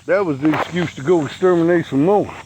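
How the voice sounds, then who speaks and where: A man's voice: fairly high pitch, brisk, noisy background. A man, ranting bluntly and profanely to camera outdoors as a vlogger. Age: 60s.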